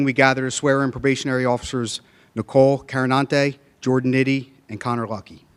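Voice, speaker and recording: A police department official at a council meeting, a man giving a measured, solemn prepared address into a podium microphone. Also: medium pitch.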